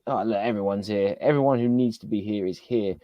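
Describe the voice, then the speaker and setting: A man's voice: lowish voice, fairly quick, dry recording, dull audio. A man hosting a live toy podcast stream, upbeat, greeting viewers one by one in casual chat. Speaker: podcast host.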